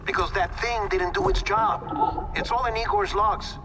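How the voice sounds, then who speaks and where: A man's voice: sits high, sing-song, a little slow, creaky, noisy background, heavily acted. A man playing an anxious male doctor briefing a courier over the radio in a clipped, urgent way. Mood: grave. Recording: game audio, reverb, distant, loud music.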